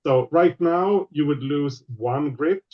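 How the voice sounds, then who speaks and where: Male game master on an online call, patient and halting, muffled lo-fi sound. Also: fairly high pitch. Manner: explains rules patiently with many pauses. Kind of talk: running a tabletop game online.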